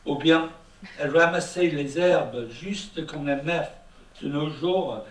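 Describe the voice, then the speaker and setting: Brit guy reading out a dry ironic text, slow and deliberate, sounds far off in a big echoey hall. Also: a little high. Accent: British. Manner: dry, ironic, slangy delivery. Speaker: speaker at an evening event. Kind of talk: reading a wry text aloud to an audience. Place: event hall.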